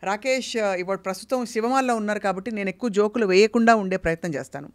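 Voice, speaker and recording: A woman's voice: mid-range voice, quick pace. A woman hosting a casual interview, with a playful, teasing manner. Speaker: interview host.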